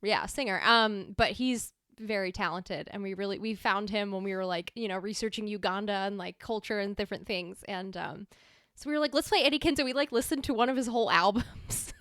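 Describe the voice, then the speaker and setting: A woman's voice: medium pitch, brisk, a bit bright, no room sound, clean studio sound. A woman co-hosting a podcast, talking casually and off the cuff. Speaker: podcast co-host, travel blogger. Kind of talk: casual unscripted podcast chat.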